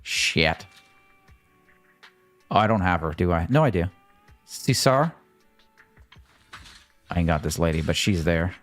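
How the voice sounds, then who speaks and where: A man's voice: sits low, expressive, moderate pace, long pauses. Joking, swearing gaming streamer man. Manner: loose, joking, swears freely. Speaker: gaming livestreamer. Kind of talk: casual gameplay commentary. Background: faint game music.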